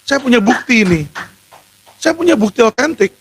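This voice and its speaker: A middle-aged man, a lawyer, giving an impassioned, indignant speech that rises at times to shouting. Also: extremely high pitch, animated, normal speed, gravelly, low-quality recording.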